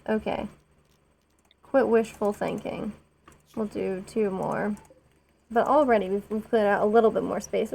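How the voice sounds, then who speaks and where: A woman with a slightly high, gravelly, warm voice streams a colony-building game. Her commentary is casual, rambling, and sprinkled with self-deprecating asides.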